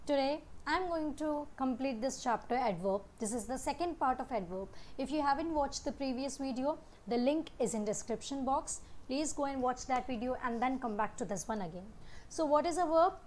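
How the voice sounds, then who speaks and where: Slow-speaking Indian woman teaching grammar. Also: high-pitched, a little mellow. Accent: Indian English. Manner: slow, drawn-out reading of word lists; mixes English and Hindi explanations. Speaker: English teacher. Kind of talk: explaining grammar lesson.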